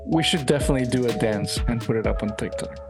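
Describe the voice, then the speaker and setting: A man co-hosting a comedy podcast, giving short deadpan replies. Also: mid-range voice, fast, over loud music. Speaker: podcast co-host. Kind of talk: casual comedy banter.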